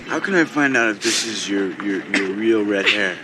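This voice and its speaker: Low-voiced cocky young greaser played by a man, noisy audio. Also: normal speed, lightly acted. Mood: teasing. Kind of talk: 1980s film drama acting. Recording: noisy film audio, vehicle rumble.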